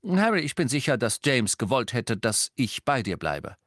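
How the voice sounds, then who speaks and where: A man's voice: medium pitch, sing-song, normal speed, fairly bright tone, no echo, clean studio sound, voice pushed up. A man reading an audiobook and voicing a weary, guarded middle-aged male werewolf teacher who talks in a tense, insistent way. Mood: earnest, insistent.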